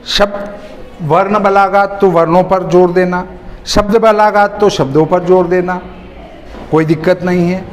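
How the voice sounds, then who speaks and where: Male teacher, high-pitched, very slow and deliberate, repeats key terms; recorded in an echoey hall. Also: steady tone. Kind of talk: slow classroom grammar lesson. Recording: hall reverb with faint noise.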